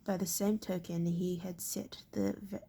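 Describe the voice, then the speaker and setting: A woman reading a novel aloud, halting and correcting herself as she goes. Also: lowish voice, little pitch movement, dark tone, slightly rough. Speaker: reader.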